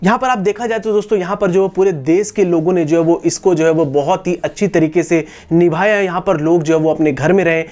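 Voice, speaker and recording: The recording sounds muffled, carrying a high-pitched, darkish male voice that runs a little fast with a steady tone and few pauses. He's an Indian-accented YouTube host in his twenties, explaining to camera through a lapel mic in a small indoor room against a wall.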